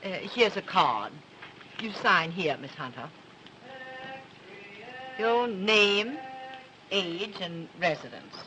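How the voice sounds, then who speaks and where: A woman's voice: on the low side, animated, slow, long pauses, noisy background. An actress playing a kindly, motherly woman who runs a neighborhood house, in early 1930s talkie film sound. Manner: kindly, fussing, reassuring.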